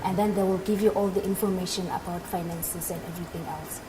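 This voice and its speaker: Talking fast with a steady tone and a lowish voice, a woman in her twenties from the Northern Cape, South Africa, explains her work as an aircraft maintenance engineer in an interview. Her accent is South African, and the live event behind her is noticeably noisy.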